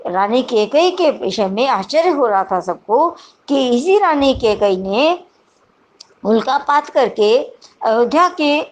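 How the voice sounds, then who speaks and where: A woman teacher speaks unhurriedly, in a fairly high voice. She reads each verse aloud and then carefully restates it in plainer words. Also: rough recording. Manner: reads verse lines aloud, then paraphrases them deliberately. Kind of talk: lesson explaining poetry.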